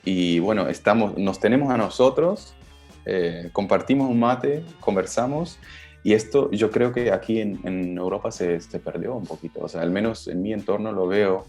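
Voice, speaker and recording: A man's voice: fairly low pitch, normal speed, darkish tone, soft background music. A man from Germany with German as his first language, a podcast guest speaking thoughtfully with hesitant fillers. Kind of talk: casual conversation.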